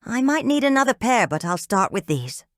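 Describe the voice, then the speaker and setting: A woman voicing a calm, steady husband and father in an audiobook. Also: on the high side, moderate pace, no echo, studio quality, voice pushed up. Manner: calm, firm. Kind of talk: audiobook character voice.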